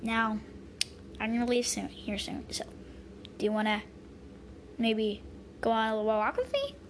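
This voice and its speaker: A girl playing a soft-spoken grandfather in a home-made story, his words halting and full of pauses. He stays gentle and kind while carrying quiet grief, and his voice sits fairly high with a faint hiss in the background. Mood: sad. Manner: hesitant, halting speech with fillers.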